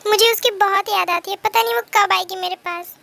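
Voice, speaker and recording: A woman's voice: very high-pitched, steady tone, brisk, creaky, pushed and bright, full character voice. A woman voicing a protective, jealous young man in a fan-dub love story, pleading and scolding. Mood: wistful.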